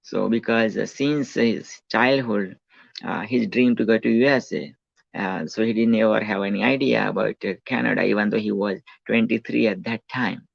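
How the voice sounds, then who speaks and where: Heard in a dry, dull lo-fi recording, a man with a lowish, gravelly voice speaks at a moderate pace. He is a self-help speaker in his forties from India with a Gujarati accent, rambling through his life story with many fillers and restarts.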